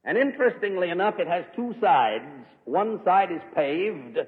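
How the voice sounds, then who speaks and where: An emphatic man preaches a sermon, his fairly high voice swinging between loud declarations and hushed warnings. The recording sounds thin and phone-like, with a long reverb trailing off in a large church hall. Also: sing-song, normal speed. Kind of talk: fiery sermon.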